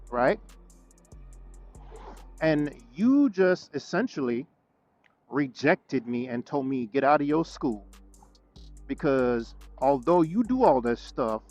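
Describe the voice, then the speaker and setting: An indignant man rants into the camera in a talking-head vlog, stumbling and repeating words as he goes. His voice sits a little high for a man. Faint music plays underneath. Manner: indignant, repeats himself, stutters when angry. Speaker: vlogger.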